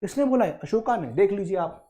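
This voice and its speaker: A young man teaching an exam prep lesson, talking emphatically and coaxing students, and slowing down to read English quotes aloud. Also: high voice, lively intonation, dark tone. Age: young adult. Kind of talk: Hindi-English lecture.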